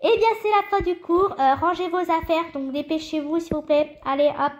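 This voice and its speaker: A woman voicing a hurried school teacher in a toy-game story, brisk and bossy. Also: very high-pitched. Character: hurried middle school teacher ending class.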